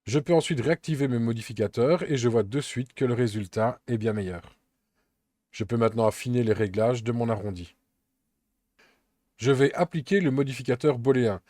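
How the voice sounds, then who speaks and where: A man calmly narrating a step-by-step software tutorial, explaining each action as he works, with an occasional filler. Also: medium pitch, no echo, clean studio sound. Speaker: Blender tutorial instructor.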